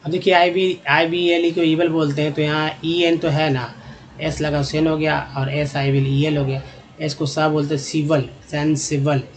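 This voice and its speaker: A man's voice: fairly high pitch, flat delivery. Man teaching English phonics, repetitive. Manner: repeats words slowly, addresses viewers as friends. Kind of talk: phonics lesson.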